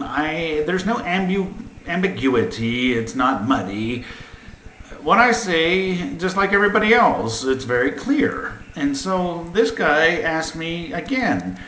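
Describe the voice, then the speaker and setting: A man telling an exasperated, animated story in a casual vlog rant. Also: fairly high pitch. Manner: exasperated, animated, laughing at his own story. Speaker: vlogger. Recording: roomy echo, faint noise.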